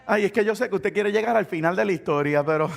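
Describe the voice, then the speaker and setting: Fervent pastor, high gravelly voice. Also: male voice, fast. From Puerto Rico. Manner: fervent preaching, with repeated shouted declarations. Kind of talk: sermon. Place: church.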